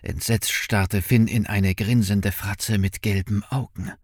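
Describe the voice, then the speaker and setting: A man narrating an audiobook in an expressive, dramatic storytelling manner. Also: lowish voice, slow, dry recording, studio quality.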